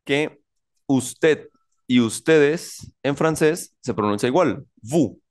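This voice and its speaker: Patient male teacher explaining slowly. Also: mid-range voice. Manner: slow and deliberate, repeats phrases and checks with "¿bien?". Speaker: French teacher. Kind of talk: classroom lecture.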